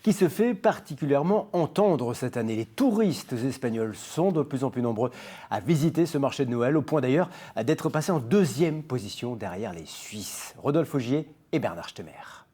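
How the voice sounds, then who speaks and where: Mellow-voiced male news presenter. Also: mid-range voice, expressive, moderate pace, breathy edge. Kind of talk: scripted news introduction.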